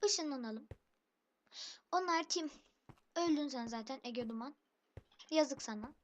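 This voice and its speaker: Unhurried but high-pitched, this woman grumbles through let's play commentary on her own game for her gaming channel, dismissing opponents as noobs. A noisy hiss sits in the background.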